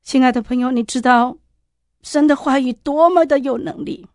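A woman gives an earnest personal testimony, speaking straight to her listeners with fervor. Her voice sits fairly high and is recorded close and dry, with no room around it. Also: normal speed, a little mellow, dry recording. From Taiwan. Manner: earnest, heartfelt, addresses listeners directly.

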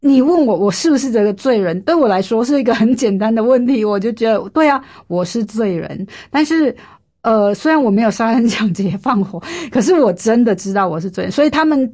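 Speaking a little fast with lively intonation, this fifties-aged woman has a higher, slightly mellow voice. She tells her faith story in an interview with earnest emotion, leaning on lots of fillers and circling back to repeat things.

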